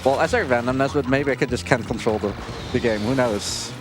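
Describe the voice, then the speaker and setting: A man with a medium-pitched voice gives brisk, casual, self-deprecating live commentary as he speedruns a video game. It's a live marathon stream with game audio, and game music plays amid the background noise.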